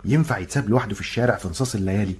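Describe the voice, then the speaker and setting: A man's voice: on the low side, racing, darkish tone, natural voice. An actor with an Egyptian accent playing a cheeky young man in a comic radio drama. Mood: scheming. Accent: Egyptian Arabic. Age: young adult. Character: cheeky, quick-talking poor young man. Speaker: Mando, a poor young man.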